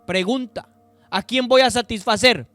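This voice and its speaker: Male preacher, high voice, emphatic sermon delivery, speaks straight to his listeners, dry close sound. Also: a bit bright, no room sound, faint music behind. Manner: slow, emphatic scripture reading with sudden pitch rises and drops; addresses listeners directly. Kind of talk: sermon with Bible reading.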